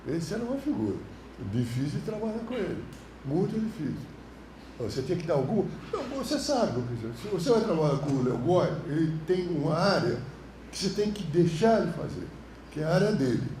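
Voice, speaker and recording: Animated Brazilian man telling anecdotes in a roomy hall. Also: on the high side, brisk, slight background noise. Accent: Brazilian Portuguese. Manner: animated, colloquial storytelling, frequent slang. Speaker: film director teaching a course. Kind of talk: lecture with anecdotes. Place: university classroom.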